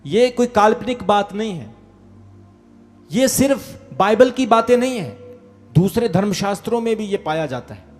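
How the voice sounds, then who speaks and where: A high-pitched man preaches a sermon at a live church gathering, rallying the congregation with calls of hallelujah and amen. Soft music plays quietly behind his voice. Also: lively intonation, normal speed. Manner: tells quoted exchanges and a village anecdote. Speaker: pastor.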